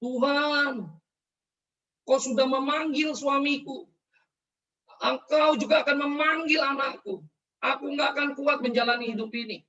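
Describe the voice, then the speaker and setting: A man's voice: extremely high pitch, fairly even intonation, a little slow, pauses often, bright, forceful tone, voice pushed up, full character voice. A man voicing a grieving mother who prays tearfully and pleads, heard from a distant mic. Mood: pleading. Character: grieving middle-aged mother praying tearfully. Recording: distant mic, dull lo-fi sound.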